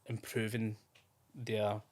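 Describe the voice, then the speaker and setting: This Scottish podcast guest, in his thirties, speaks slowly and flatly in a lowish voice. Though his delivery is unhurried, his conversation is chatty and rambling, full of fillers and fresh starts.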